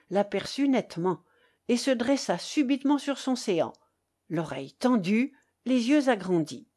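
A woman narrates a story in a measured, expressive reading. She takes her time over each phrase, her voice mellow and dark, with a lively, rising and falling pitch.

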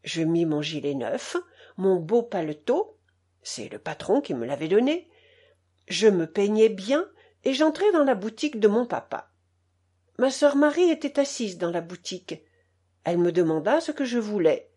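A woman narrating an audiobook in a measured, expressive reading style. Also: breathy edge. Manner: slow and measured, with expressive pitch. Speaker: audiobook reader.

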